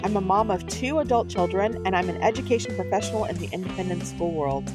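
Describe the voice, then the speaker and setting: A woman's voice: medium pitch, fast, over loud music. A middle-aged woman talking conversationally as a co-host on a casual podcast.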